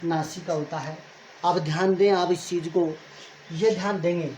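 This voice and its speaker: A man's voice: high voice, fairly even intonation, moderate pace, darkish tone. Male grammar teacher, self-answering classroom drill, roomy echo, slight noise. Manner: asks questions and answers them himself, drilling by repetition. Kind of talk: classroom lecture at a board. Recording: echoey room with faint noise.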